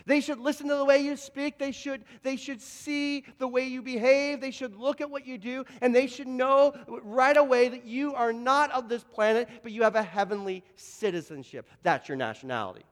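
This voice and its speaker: High-voiced pastor in a reverberant hall. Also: male voice, moderate pace, hardly any pauses. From Canada, Toronto. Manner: lively anecdotes, frequent word repeats and restarts. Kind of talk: storytelling sermon.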